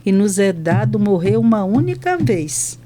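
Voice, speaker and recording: A woman's voice: medium pitch, a little slow, noisy background. An older woman, a hospital chaplain from Brazil, telling testimony stories on a podcast and acting out both sides of each conversation. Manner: lively retelling that acts out both sides of conversations.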